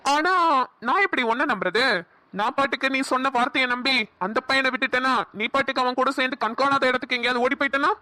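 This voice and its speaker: This is a spiteful young villain in a cartoon, who taunts and drawls his threats. He speaks with a Namakkal Tamil accent. His voice is bright and cutting, recorded dry and close. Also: high-pitched, fast talker, no room sound. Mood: sneering.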